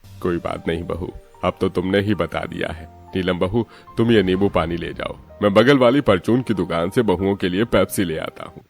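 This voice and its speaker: A man voicing a kindly, humble old father-in-law in a cartoon story, speaking softly and apologetically. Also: low-pitched, normal speed, vocal fry, soft background music. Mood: gentle.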